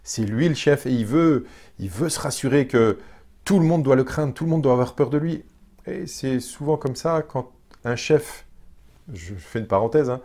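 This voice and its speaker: Guy preaching, chatty, keeps asking the crowd stuff, lots of restarts, mid pitch. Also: mellow. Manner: conversational, asks the congregation questions; frequent restarts and hesitations. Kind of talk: sermon.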